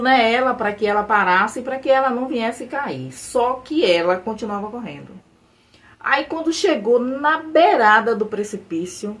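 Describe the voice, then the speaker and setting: A middle-aged woman telling a religious testimony in an earnest storytelling way, often repeating phrases and quoting her own prayers. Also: lowish voice. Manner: earnest, repetitive retelling with quoted prayers. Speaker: testimony speaker.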